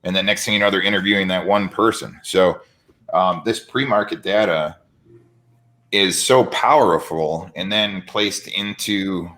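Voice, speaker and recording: A very low-voiced man hosts a casual business chat. He talks in an energetic, salesy way and keeps tossing in quick "right?" tags. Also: poor audio. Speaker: host.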